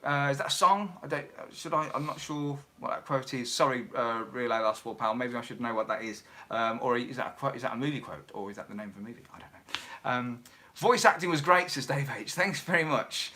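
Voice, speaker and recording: A man's voice: medium pitch, fairly quick, few pauses, bright, forceful tone. A man hosting a casual livestream from home, chatting and reading out viewer comments. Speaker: livestream host and musician.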